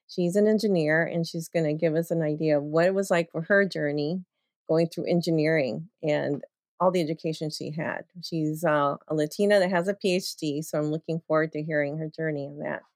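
Woman host, lowish voice, dry close sound, halting questions. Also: no room sound. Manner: scripted intro, then loose questions with fillers. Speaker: podcast host. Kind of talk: interview hosting.

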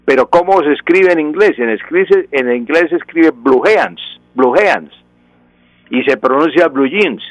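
A man's voice: on the high side, expressive, a little slow, no room sound, lo-fi sound. A man from Colombia, a professor explaining language on a radio talk show in a didactic way, with frequent restarts and examples. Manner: didactic, gives examples, frequent self-corrections.

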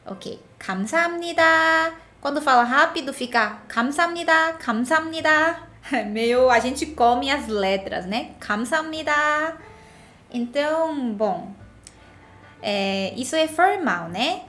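A woman's voice: high voice, lively intonation, a little slow, fairly bright tone, soft background music. A woman giving a casual language lesson as a Korean teacher, patiently repeating words for the learner to echo.

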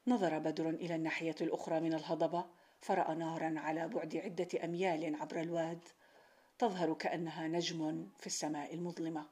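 A woman storyteller narrating a scripted story in a measured, even reading manner. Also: deep voice, husky.

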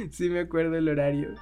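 A man's voice: fairly high pitch, warm tone. A young man casually telling a personal story, swearing freely and laughing often.

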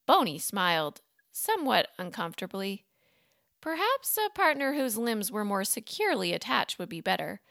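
A woman narrating a children's storybook in an animated, expressive way. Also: mid-range voice, normal speed, creaky, dry recording.

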